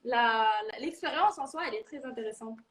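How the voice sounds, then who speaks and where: Fairly high-pitched and bright, her voice runs a little fast. She's an international university student in her early twenties with a Moroccan accent, chatting informally and giggling through a testimonial interview peppered with slangy fillers.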